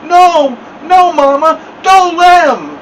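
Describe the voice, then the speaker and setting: A man's voice: a little high, expressive, takes it slowly, fairly bright tone, distant mic, slight background noise, voice pushed up, rough recording. A man reading aloud, voicing a young boy whose lips are frozen, crying and mumbling his words. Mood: pleading. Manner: wailing, mumbled pleas.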